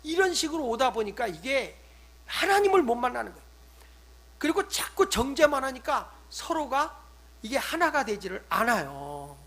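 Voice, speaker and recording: Husky older man preaching a sermon. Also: extremely high pitch, very animated, moderate pace. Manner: emphatic, swings between loud stresses and hushed asides; acts out scolding quotes in conversational tone. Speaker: pastor.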